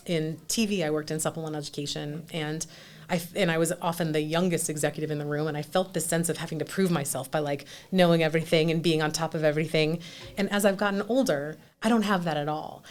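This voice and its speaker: A woman in her forties, a restaurant owner guesting on a podcast, talking in an animated, candid, self-deprecating way with frequent restarts. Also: low-pitched. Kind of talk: conversational interview.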